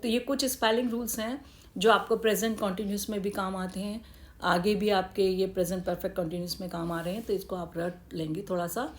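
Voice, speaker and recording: A woman teaching English grammar in Hindi, explaining step by step with rhetorical questions and slowly spelled-out English examples. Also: mid-range voice, steady tone.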